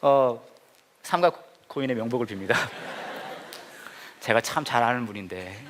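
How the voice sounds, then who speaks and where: A man preaching a humorous sermon as a pastor, telling stories playfully with sudden loud exclamations, in a church hall. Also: medium pitch, a little slow, noisy background. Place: church hall with a laughing congregation.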